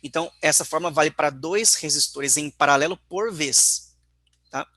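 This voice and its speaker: A man's voice: on the high side, moderate pace, pushed and bright, dry recording. A man teaching an online physics class, working through calculations step by step and often checking in with his students.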